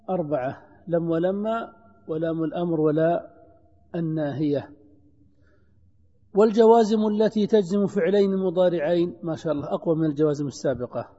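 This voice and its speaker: A grammar teacher, a man, works through examples slowly, repeats himself and asks his students questions. His voice is high but mellow in tone. The dull, lo-fi recording carries a long hall reverb. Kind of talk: classroom lesson.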